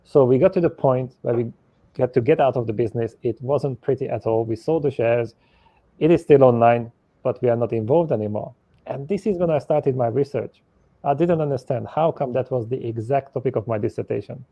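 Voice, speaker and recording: A man's voice: medium pitch, fairly quick, no echo. Matter-of-fact male guest, dry dull sound. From Hungary. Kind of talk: conversational storytelling. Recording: dry, lo-fi audio.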